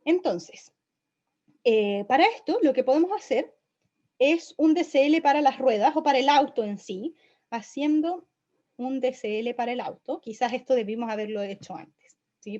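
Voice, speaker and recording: In a recorded online physics lecture, a young woman with a slightly high, darkish voice explains things step by step and checks in with her students often. The audio is dull and lo-fi.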